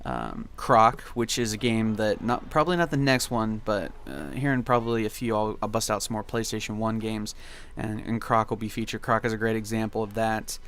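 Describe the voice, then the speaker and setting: A man's voice: on the low side, normal speed, hardly any pauses, a bit bright. A young man reminiscing casually in gameplay commentary, with a laid-back, rambling and nostalgic way of talking. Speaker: video game commentary host.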